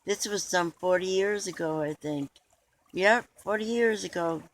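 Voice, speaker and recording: A man's voice: high voice, a little slow, a bit bright, poor audio. A man being interviewed in a mock documentary, talking in an earnest, rambling way with restarts.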